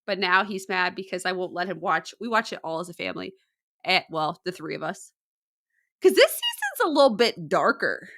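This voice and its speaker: A woman's voice: fairly low pitch, big pitch swings, normal speed, fairly bright tone, no echo, clean studio sound. A woman hosting a casual true crime podcast, upbeat and chatty, often laughing at her own stories. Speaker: podcast host.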